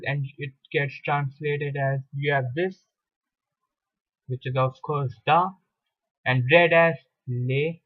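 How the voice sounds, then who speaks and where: A man teaching a recorded video lesson on French articles, explaining slowly and patiently, repeating each example. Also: on the high side, no echo. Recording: dull lo-fi recording, dry.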